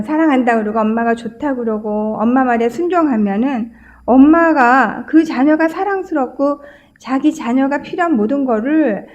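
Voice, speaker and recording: A woman's voice: high voice, a little mellow, dull audio. A woman pastor giving a sermon, telling stories conversationally with frequent filler sounds.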